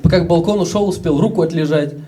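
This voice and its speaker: Young man, stand-up comic, casual storytelling, higher voice, distant mic. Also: fast, dark tone. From Russia. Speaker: stand-up comedian. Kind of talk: stand-up comedy set. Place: live comedy show with audience.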